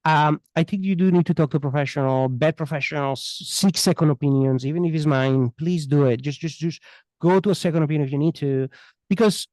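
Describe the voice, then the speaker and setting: Here an immigration attorney gives unscripted answers as an expert podcast guest, his thick foreign accent carrying earnest, emphatic points that he often repeats. His voice is fairly high and fairly quick with a darkish tone. No room sound is audible.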